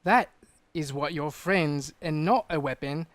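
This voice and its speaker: A man voicing an arrogant male robot warrior, reading haltingly and stumbling over a blurry sheet. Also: a little high, no room sound, pitched below the performer's own voice, close to an everyday voice. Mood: scornful.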